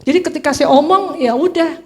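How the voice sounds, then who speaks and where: High-voiced woman giving church testimony. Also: fairly quick, background noise. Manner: emotional, animated storytelling with acted quotes. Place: church hall. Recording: long reverb of a church hall.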